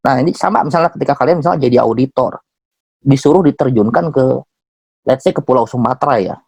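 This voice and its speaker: A man from Indonesia giving an informal accounting lecture to students, animated, mixing in English phrases and acting out dialogue. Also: mid-range voice, fast, vocal fry, slightly rough, no room sound.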